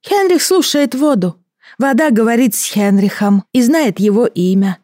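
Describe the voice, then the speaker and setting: A woman reading an audiobook, voicing a small, bony male water creature with a bubbling voice and odd, halting speech. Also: a little high, lively intonation, darkish tone, dry recording, clean studio sound, voice pushed up, natural voice. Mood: solemn, bargaining. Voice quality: gurgling. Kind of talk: audiobook character voice.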